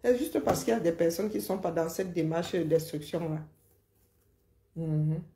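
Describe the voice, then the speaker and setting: A woman lectures and mocks in a loose, animated rant. Her voice has a gravelly fry to it. The sound rings with a roomy echo. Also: on the low side, normal speed, background noise. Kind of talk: casual live rant.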